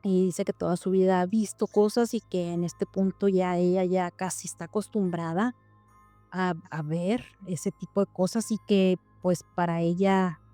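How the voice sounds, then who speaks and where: A woman's voice: lowish voice, moderate pace, dry recording, faint music behind. A middle-aged woman, telling a story in casual chat on a podcast, with lots of restarts and quoted dialogue. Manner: animated retelling with many restarts and quoted dialogue. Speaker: podcast guest.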